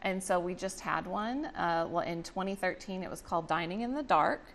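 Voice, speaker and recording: Lower-voiced chatty woman, noisy recording. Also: normal speed, a bit bright. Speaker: guest, representative of a volunteer reading charity. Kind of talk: conversational interview answers.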